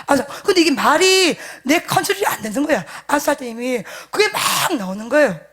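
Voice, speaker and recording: Woman pastor, high voice with wide swings, animated sermon storytelling that moves from hushed to emphatic. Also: a little fast. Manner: addresses the congregation directly, seeking agreement.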